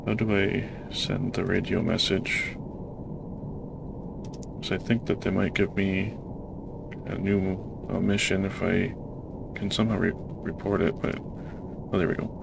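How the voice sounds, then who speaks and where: Man, monotone gameplay commentary, creaky, self-deprecating, noisy background. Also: low voice, takes it slowly, long pauses. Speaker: gamer playing a submarine sim. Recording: noisy game audio behind voice.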